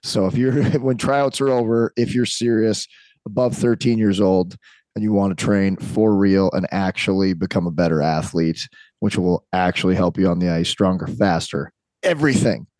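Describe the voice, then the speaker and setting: A man's voice: low-pitched, fairly even intonation, moderate pace, darkish tone, no echo. A man co-hosting a podcast and working as a trainer, talking in a laid-back, slangy, upbeat way. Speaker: podcast co-host and athletic trainer. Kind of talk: casual chat.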